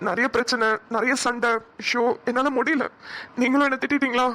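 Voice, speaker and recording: A lonely, heavy-hearted young man in a cartoon, played by a woman. The voice sits high and the words come fast. He sounds mournful and worn down. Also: fairly even intonation, pushed and bright. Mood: sad, lonely. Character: sad lonely young man, caring brother. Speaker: cartoon voice actor. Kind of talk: Tamil cartoon dialogue.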